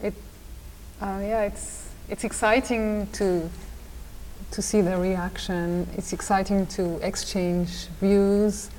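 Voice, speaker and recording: Speaking slowly with little pitch movement, this Austrian-accented designer and design teacher gives stop-start conversational interview answers in a mid-range, slightly mellow voice. She hesitates, frequently repeating words and starting over, in a reverberant room with faint ambient noise.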